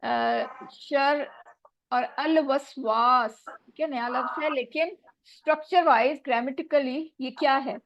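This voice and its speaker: Taking it slowly, a woman teacher with a high, fairly bright voice patiently quizzes students word by word in an online lesson. Her voice keeps dropping out over the bad call connection, and the video-call recording is dull and dry.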